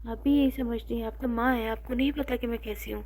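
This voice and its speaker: Woman reading as a tearful daughter, pleading, high mellow voice, audio novel. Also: steady tone, slight background noise, close to an everyday voice. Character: grown daughter, tearful, pleading her innocence.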